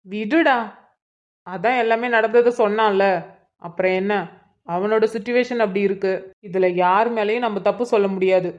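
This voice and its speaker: A woman's voice: mid-range voice, moderate pace, natural voice. A woman voicing a joking male friend in a cartoon who makes mock threats. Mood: bantering. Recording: dull lo-fi recording.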